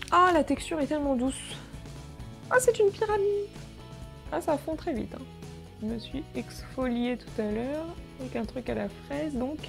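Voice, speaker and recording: A beauty vlogger with a slightly high, gravelly voice unboxes her birthday gifts. She's casual, jokey, and exclamatory, swearing now and then.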